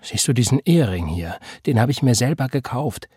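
A man's voice: medium pitch, expressive, brisk, darkish tone, husky, dry recording, clean studio sound. A man reading an audiobook and voicing a fragile young mother who speaks in a hesitant, pleading way. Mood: subdued. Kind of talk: audiobook character voice.

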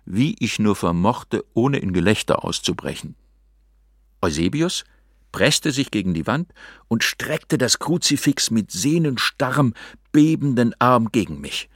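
A man's voice: medium pitch, slightly rough, no room sound, studio quality. A man reading a novel aloud in a dramatic, theatrical way. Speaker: narrator. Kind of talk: scripted audiobook narration.

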